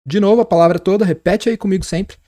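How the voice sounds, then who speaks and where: A man with a Brazilian accent, an English teacher in his thirties giving a lively online lesson and spelling out sounds slowly. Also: high voice. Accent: Brazilian Portuguese.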